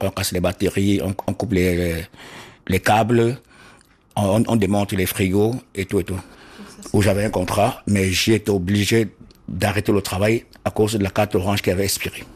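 A man from Cameroon tells his story in an interview. His voice sits low with a breathy, husky edge. He talks earnestly but haltingly, restarting phrases and repeating words. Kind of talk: interview testimony.

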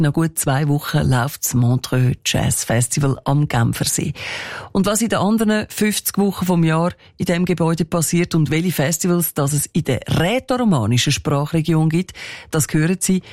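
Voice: mid-range voice, normal speed, darkish tone, no room sound, studio quality. A radio host with a Swiss German accent, presenting a magazine programme in a conversational way and addressing listeners directly. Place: radio studio.

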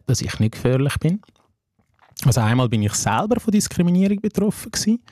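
A young man who grew up in Switzerland after coming from Afghanistan, speaking with a Swiss German accent as an interview guest, earnest and measured, often breaking in with "hey" asides. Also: medium pitch, warm tone, no room sound, studio quality. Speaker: social worker, interview guest. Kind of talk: reflective interview talk.

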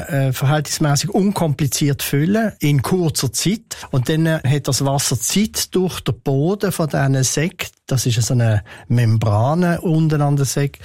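An older man answers questions in a calm, measured way. He hesitates often as he thinks aloud, at an ordinary pitch for a man. The sound is close and dry, with no room echo. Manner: measured, thoughtful, with frequent hesitations. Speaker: head of city tree and green space department, interviewee. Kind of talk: radio interview answers.

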